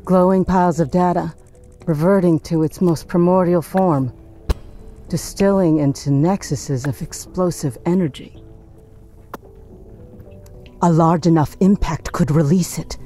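A woman voices a mystical revolutionary for a video game, solemn and portentous. Her voice is dark and mellow, with grand phrasing. Faint music sits underneath. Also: fairly low pitch, unhurried, long pauses, natural voice. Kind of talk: video game character acting.

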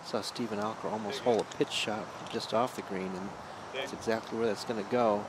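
A man's voice: fairly low pitch, fairly even intonation, brisk. A man commentating on live golf as an analyst, in conversational, technical, clipped phrases. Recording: clear outdoor course noise behind.

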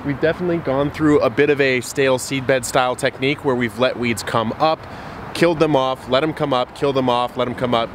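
A man in his thirties hosting a casual garden tour vlog, talking straight to a camera held close to his face, chatty and upbeat. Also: medium pitch. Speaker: gardening channel host. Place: outdoor front and side yard garden by a street, then a garden shed. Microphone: handheld camera close to face. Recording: outdoor street noise audible.

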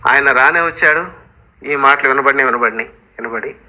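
Bright-voiced male pastor preaching. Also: mid-range voice, normal speed. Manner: animated storytelling preacher. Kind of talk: sermon.

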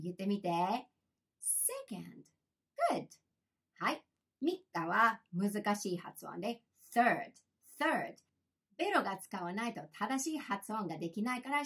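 A young woman teaching English pronunciation, drilling words slowly for the listener to repeat. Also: medium pitch, a bit bright, husky. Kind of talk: bilingual pronunciation lesson.

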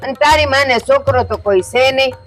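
A woman's voice: high voice, brisk. An older woman, acting as a scheming, scolding mother-in-law in a village family drama. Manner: scolding, domineering.

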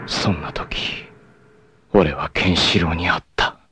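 A male actor with a low voice speaks unhurriedly as a proud, self-sacrificing, long-haired martial artist in a 1980s anime. The mood is solemn and reflective; his delivery is dramatic and grave, with fierce shouts in battle.

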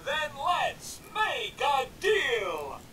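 A man voicing a boisterous male robot game show host in a video game, with booming showman patter. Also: wildly swooping pitch, drawn-out words, pushed and bright, recorded from a distance, a little hiss or hum, exaggerated voice, poor audio. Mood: showman hype. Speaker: game character.

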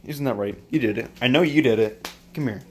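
In a casual home vlog shot on a phone camera that's held and moved around, a young man rambles crudely while cooking in his kitchen. His voice is medium-pitched, a little fast, and darkish with a breathy edge, and he swears often and mumbles offhand remarks.

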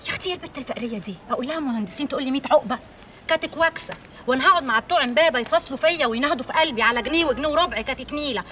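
A woman's voice: high-pitched, rapid-fire, pushed and bright. An actress with an Egyptian accent playing a streetwise, bossy, teasing saleswoman in a TV drama. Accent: Egyptian Arabic. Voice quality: brash, teasing. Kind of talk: TV drama acting. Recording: distant mic with faint background noise.

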